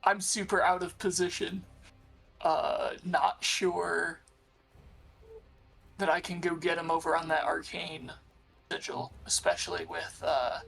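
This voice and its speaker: A tabletop player mulls over a turn out loud, slow and level with a gravelly, creaky edge to the voice. Faint music sits under the talk. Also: medium pitch, little pitch movement. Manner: slow, unsure, thinking aloud. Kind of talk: tabletop game play.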